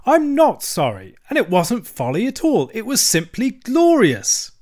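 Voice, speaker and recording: A man voicing a vain, excitable male toad from a storybook, stubborn and gushing in delivery. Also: extremely high pitch, a little slow, voice pushed up, heavily acted. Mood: sullen defiance. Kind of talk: storybook character voice.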